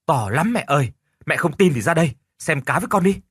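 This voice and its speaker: A man's voice: fairly high pitch, fairly quick, slightly rough, no room sound, studio quality, voice pushed up. A man playing an eager, breathless young son. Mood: excited. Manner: breathless, excited.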